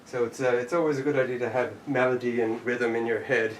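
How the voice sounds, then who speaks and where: A jujitsu instructor runs a live online class, narrating each move as he demonstrates it and counting out the steps. His mid-range voice is level and quick-paced. The mic is distant in an echoey room, with faint background noise.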